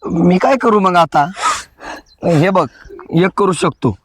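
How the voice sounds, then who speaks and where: An actor playing a nervous young boyfriend who talks softly and pleadingly. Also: male voice, sits high, lively intonation, slow pace, dry recording, exaggerated voice.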